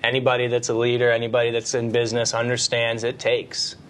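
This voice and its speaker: Male co-host, calm and measured, slows down on key lines, conversational. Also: mid-range voice. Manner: measured, stresses key phrases slowly. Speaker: podcast co-host. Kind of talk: casual leadership podcast chat.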